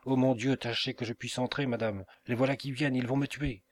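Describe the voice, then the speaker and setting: A man voicing a frightened young maidservant who pleads urgently and in a hushed voice. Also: medium pitch, brisk, lightly acted. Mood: frightened pleading.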